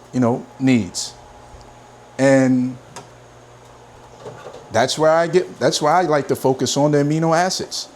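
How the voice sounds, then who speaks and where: A man's voice: on the high side, a little hiss or hum. Laid-back man chatting while cooking. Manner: laid-back and chatty, drawn-out emphatic phrases. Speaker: vlogger cooking at home. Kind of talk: casual cooking vlog chat. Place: home kitchen. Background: frying and stirring sounds.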